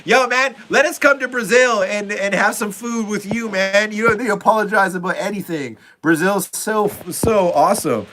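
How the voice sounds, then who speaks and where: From his home basement, a young man streams casually by phone, reading viewer comments aloud in an upbeat ramble heavy with fillers. His voice sits high with a sharp tone, normal speed, and few pauses, on a rough recording with some hiss or hum.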